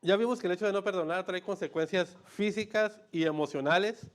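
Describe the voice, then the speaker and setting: A man preaching a sermon, emphatic, repeating his key phrases and swinging between loud and hushed. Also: high voice, brisk. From Mexico.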